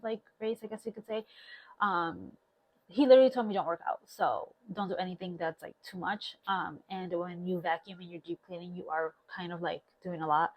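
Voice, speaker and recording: On the low side and recorded dry through a clip-on lapel mic, the woman in her thirties, a stay-at-home mom vlogger, chats informally and meanders as she talks to her viewers.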